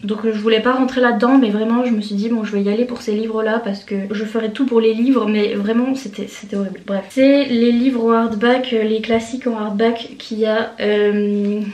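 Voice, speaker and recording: A woman's voice: on the high side, steady tone, a little fast, hardly any pauses, a little mellow, reverberant. A young woman chatting to camera at her desk at home, rambling and giggly, with lots of fillers. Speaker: vlogger. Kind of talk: casual chat to camera.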